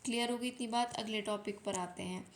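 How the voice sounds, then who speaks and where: A young woman teaching an exam revision lesson in mathematics, explaining step by step, repeating key points slowly and often checking that students have understood. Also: medium pitch, steady tone, slight background noise. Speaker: maths teacher.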